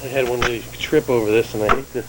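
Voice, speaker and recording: A man's voice: medium pitch, steady tone, fast talker. A male crew member joking and chatting with the correspondent on location. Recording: crowd noise in the background.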